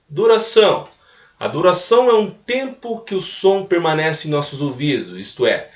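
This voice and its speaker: A man teaching a recorded music lesson, explaining step by step and tagging points with little questions. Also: fairly high pitch. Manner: explanatory, repeats points with "né?" tags. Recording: roomy echo, mic at a distance.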